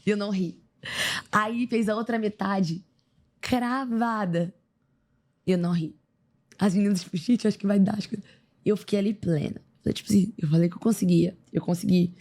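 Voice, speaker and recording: A woman's voice: medium pitch, brisk. A young Brazilian woman, an athlete, animatedly retelling her story in a casual interview, acting out what others said. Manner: lively, animated retelling with quoted voices. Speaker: podcast guest, athlete.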